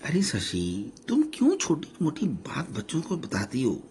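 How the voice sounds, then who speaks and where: A man voicing a gentle middle-aged husband who patiently soothes his wife. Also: medium pitch, wildly swooping pitch, measured pace, a little hiss or hum, pitched above the performer's own voice. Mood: soothing.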